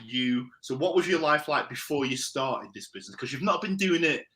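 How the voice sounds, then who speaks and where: A man's voice: medium pitch, animated, brisk, sharp tone. A man hosting a live video-call interview, upbeat and enthusiastic, with frequent ums. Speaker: host.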